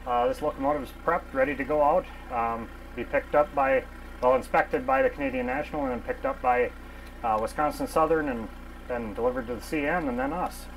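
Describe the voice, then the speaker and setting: A man's voice: on the high side, wildly swooping pitch, brisk, vocal fry, slight background noise, low-quality recording. A man in his thirties, a locomotive mechanic, explaining repair work in a casual technical way with frequent ums, recorded on a lapel mic in a machine shop. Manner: matter-of-fact, technical, with frequent ums and uhs.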